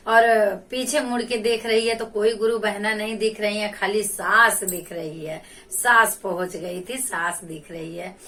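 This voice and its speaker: A woman's voice: mid-range voice, steady tone, bright, forceful tone. A woman narrating a devotional folk tale, repeating her phrases as she retells it, heard from a distance off the mic. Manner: slow, repetitive retelling. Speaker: devotional storyteller. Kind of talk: religious folk storytelling.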